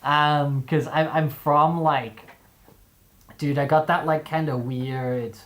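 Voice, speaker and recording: A man's voice: a little high, steady tone, slow pace, a bit bright. A young man with a mixed, displaced accent, chatting casually on a live stream, rambling with many fillers and restarts.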